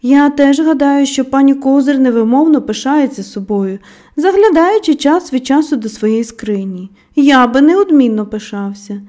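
A woman's voice: sits high, moderate pace, dark tone, close to an everyday voice. A woman reading a know-it-all boy. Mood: lecturing. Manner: lecturing, insistent tone. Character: clever confident boy friend.

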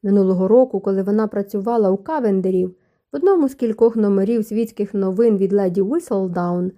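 A woman reads a novel aloud in an even storytelling manner. Her voice is very dark and mellow at a middle pitch. This is scripted audiobook narration.

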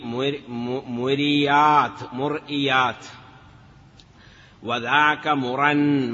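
A man's voice: medium pitch, bright, forceful tone. Male grammar teacher, chanting drills, lo-fi recording with long hall reverb. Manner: drills word forms slowly, chanting some of them, then explains them quickly; often adds a confirming "yes" (نعم). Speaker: teacher of Arabic morphology. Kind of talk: classical grammar lesson.

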